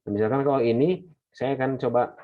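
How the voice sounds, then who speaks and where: A man teaching an English class, explaining in a relaxed way and slowing down to model English phrases. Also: mid-range voice. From Indonesia. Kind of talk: online class lecture. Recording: dull lo-fi lecture recording.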